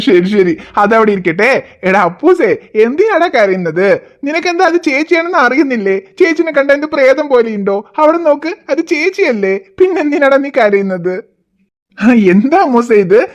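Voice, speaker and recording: A woman's voice: high-pitched, very animated, normal speed, dull audio. A woman voicing a teasing, good-natured cartoon father who talks in a jokey, playfully bossy way. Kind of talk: cartoon voice acting.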